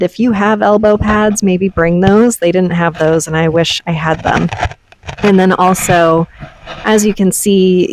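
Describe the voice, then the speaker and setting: A woman with a slightly low voice narrates a vlog. She is conversational and explanatory, recapping an outing casually as she would to viewers. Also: noisy background. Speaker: vlogger. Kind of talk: casual voice-over recap of a trip.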